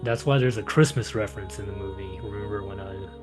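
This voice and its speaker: A man talks through films in a relaxed, casual chat. His voice sits fairly low, and he swears freely. He often lets his sentences trail off into quiet asides. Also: quick pace, music in the background. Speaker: movie reviewer.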